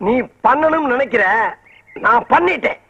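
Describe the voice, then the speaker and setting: An actor playing a cheeky, wisecracking comic sidekick in a 1990s film comedy. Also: male voice, very high voice, animated, normal speed, bright, forceful tone, full character voice. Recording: dull old film soundtrack.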